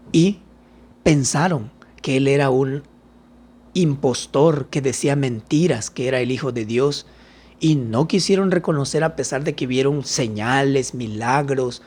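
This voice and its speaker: A man's voice: mid-range voice, a little mellow, breathy edge. A man, a pastor, teaching a Bible study lesson, reading scripture aloud and explaining it with questions.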